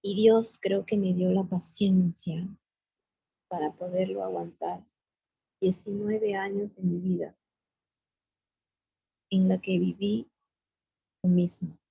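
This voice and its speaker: A middle-aged woman gives an earnest, halting faith testimony and calls her listeners sisters. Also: mid-range voice, fairly even intonation, creaky, mellow, breathy edge, muffled recording. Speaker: guest giving testimony.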